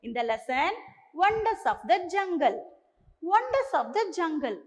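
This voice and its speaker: Slow and coaxing, a woman teacher with a Tamil accent gives a bilingual lesson to young children, repeating each line in two languages. Her voice is very high-pitched with big swings in pitch, and a long reverb tail follows it.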